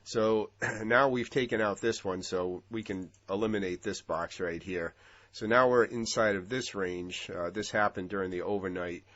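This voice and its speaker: Deep-voiced stuffy man reviewing charts. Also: normal speed, dull audio. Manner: relaxed, with frequent ums and uhs. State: stuffy, congested from a cold. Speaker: futures trading analyst. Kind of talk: casual market commentary over charts.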